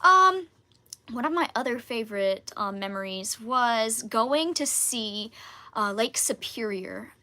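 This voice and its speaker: A young woman answers viewer questions in a relaxed live Q&A. Her voice is bright and a little high, and she talks with many "um"s and giggles. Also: slow pace. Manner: chatty, giggly, many fillers. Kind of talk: casual live Q&A.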